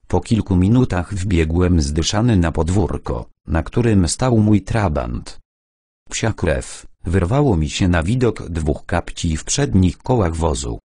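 Brief: male audiobook reader, very low and dark, husky, lively intonation, dry close sound. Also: dry recording. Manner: steady storytelling. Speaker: audiobook narrator. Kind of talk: first-person audiobook narration.

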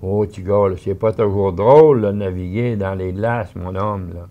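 A man's voice: fairly low pitch, normal speed, narrow, tinny audio, close to an everyday voice. A man voicing a folksy old sea captain with a Québécois accent. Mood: hearty. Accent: Québécois French.

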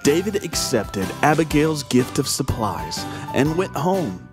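A woman narrates a children's Bible story in a slow, expressive way. Her voice sits very low yet moves a lot in pitch. A clear music bed plays beneath her.

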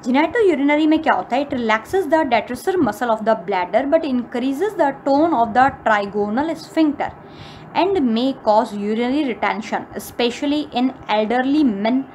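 A woman lecturer teaching pharmacology, reading English lines slowly and then explaining them again in her own words. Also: fairly high pitch. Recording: faint background noise.

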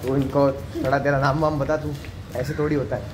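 A man's voice: mid-range voice, flat delivery, a little fast. A young man from Surat vlogging outdoors in his housing society, casually teasing and coaxing the neighborhood kids. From Surat, India. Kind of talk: casual vlog chat. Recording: noisy outdoor street.

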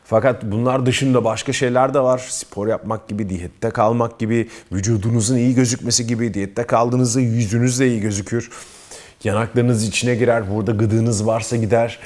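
A man's voice: medium pitch, fairly even intonation, normal speed, darkish tone. A man giving self-improvement advice to his viewers, earnest and emphatic, often addressing them as friends. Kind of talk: advice talk to camera.

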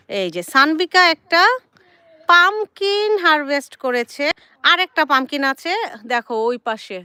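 A woman's voice: sits high, pushed and bright, no echo. A woman in her thirties chatting casually in her garden for a vlog, coaxing her children along and talking to her viewers. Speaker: vlogger and mother. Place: home garden outdoors, sitting with tea.

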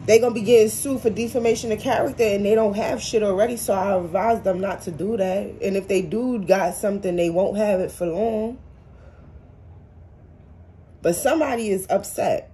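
A woman's voice: mid-range voice, normal speed, mellow. Blunt, profane woman reading tarot. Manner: blunt, profane, streetwise slang. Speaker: tarot reader.

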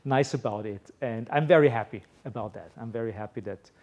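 A man's voice: medium pitch, fairly quick, darkish tone. Man, middle-aged, film director, festival Q&A, rambling, lots of fillers. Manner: rambling, many fillers and restarts. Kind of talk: casual Q&A answers. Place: festival hall before an audience.

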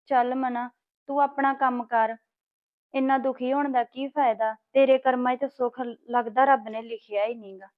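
Patient young wife; woman, high voice, thin phone-quality sound. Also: fairly even intonation, normal speed. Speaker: young wife and narrator in a family drama. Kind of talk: amateur family drama acting.

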